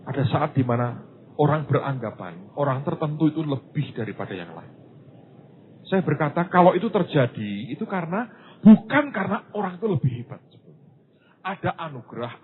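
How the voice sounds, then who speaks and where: A male pastor from Indonesia preaching a sermon, telling stories with loud bursts and hushed asides. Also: a little high, brisk. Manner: animated storytelling, swinging between loud bursts and hushed asides. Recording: lo-fi phone-like recording with faint hiss.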